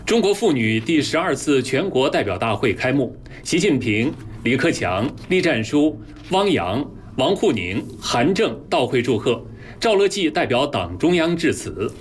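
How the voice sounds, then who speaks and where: A man with a standard mainland Mandarin accent reading scripted news as a formal, measured anchor. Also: mid-range voice, sing-song, a little hiss or hum.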